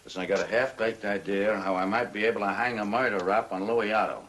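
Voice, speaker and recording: A man acts a hard-boiled police detective in an old crime drama. His voice is very low, with clipped, slangy, dryly mocking lines. There is some noise on the vintage soundtrack. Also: fairly even intonation, fast talker, fairly bright tone, close to an everyday voice. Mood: tough, scheming. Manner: clipped slangy tough talk.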